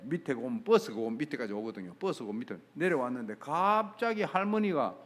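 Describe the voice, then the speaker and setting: A middle-aged man with a Gyeongsang Korean accent, a pastor preaching a sermon, emphatic and swinging between soft and loud, acting out bits of dialogue. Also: a little high.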